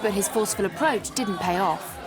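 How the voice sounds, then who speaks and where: A woman giving scripted documentary narration in a brisk, even manner. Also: medium pitch, over a noisy crowd.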